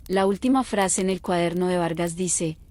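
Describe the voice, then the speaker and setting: A woman narrating a scripted bedtime story slowly, in a quiet, calm, unhurried night-time manner. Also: fairly low pitch, no echo.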